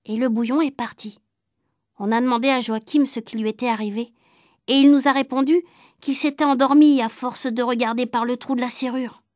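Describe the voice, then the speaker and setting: A woman reading a children's story aloud in a calm, lively storytelling manner. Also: fairly high pitch, brisk, no room sound, studio quality. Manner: calm, lively storytelling that drops soft for suspense. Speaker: narrator.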